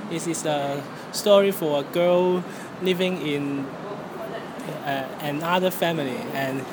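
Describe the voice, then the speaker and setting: A young adult with a Hong Kong accent answering interview questions in halting English, searching for words. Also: mid-range voice. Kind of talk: interview answers about personal experience. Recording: loud air-conditioning or traffic-like background noise.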